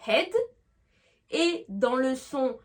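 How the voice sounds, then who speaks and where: A woman's voice: a little high, animated, slow. A woman giving an online English lesson, explaining patiently and checking often that the listener follows. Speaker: English teacher.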